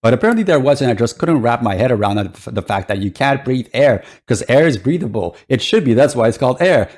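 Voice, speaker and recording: A man's voice: mid-range voice, expressive, a little fast, darkish tone. A man giving casual reaction commentary as a streamer, in a hesitant, rambling way. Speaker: VTuber streamer.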